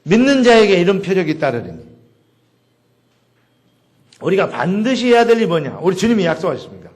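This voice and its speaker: A man preaching a sermon in a chatty, animated way, acting out little exchanges with people. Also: high-pitched, a little fast. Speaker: pastor.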